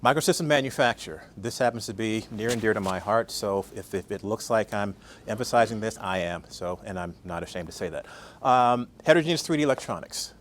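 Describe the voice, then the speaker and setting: A man's voice: fairly low pitch, brisk. An older man giving a conversational conference talk, often asking the audience questions. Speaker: guest speaker.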